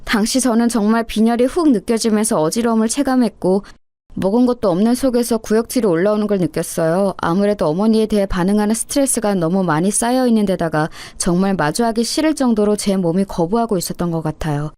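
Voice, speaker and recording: A woman's voice: mid-range voice, fast talker, mellow, no echo, clean studio sound. A woman narrating a scripted first-person family story in a bitter, aggrieved tone.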